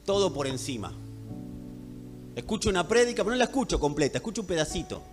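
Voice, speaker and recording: A male pastor with a Rioplatense accent preaches in a lively voice that climbs and falls. He speaks emphatically to his congregation, from hushed asides to forceful peaks. His voice sits fairly high and echoes through a long, reverberant hall with soft music underneath. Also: fast. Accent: Rioplatense Spanish. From Buenos Aires, Argentina. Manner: emphatic, swings from hushed to loud, addresses congregation directly. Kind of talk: sermon.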